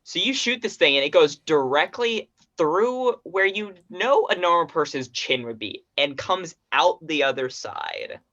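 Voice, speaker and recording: A woman running a tabletop game as game master on a live stream, calm and matter-of-fact as she calls for rolls. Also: sits low, a little slow, hardly any pauses. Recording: dull lo-fi stream audio.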